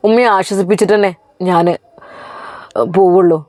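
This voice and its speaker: A woman's voice: mid-range voice, steady tone, darkish tone, no echo, natural voice. A woman voicing a cheerful male religious teacher who teases and consoles his weeping friend. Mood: consoling. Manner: teasing, consoling, quick.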